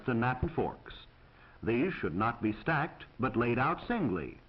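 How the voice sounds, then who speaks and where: A medium-pitched American man with a breathy edge reads scripted narration for a 1940s instructional film. He sounds formal, precise, and instructive, and the lo-fi sound comes from an old film soundtrack.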